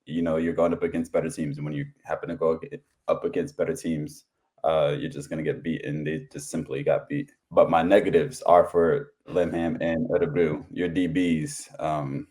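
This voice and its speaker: A man's voice: a bass voice, level tone, normal speed, a little mellow. A man co-hosting a sports podcast, giving casual analysis of games. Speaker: podcast co-host.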